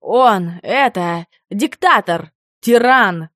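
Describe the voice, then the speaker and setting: A woman voicing a jealous, grumbling werewolf husband in an audiobook, gruff and exasperated. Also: high voice, measured pace, no room sound, clean studio sound. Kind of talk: audiobook character reading.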